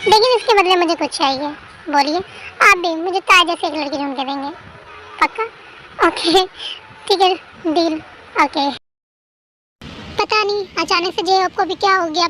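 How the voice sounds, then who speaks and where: A storyteller with a very high voice performs every part of a dramatic fan story, pleading and emotional in the dialogue. A faint hiss sits under the recording. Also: bright, forceful tone. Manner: acts out each character's dialogue with pleading emotion. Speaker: storyteller voicing every character. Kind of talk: dramatic fan-fiction reading.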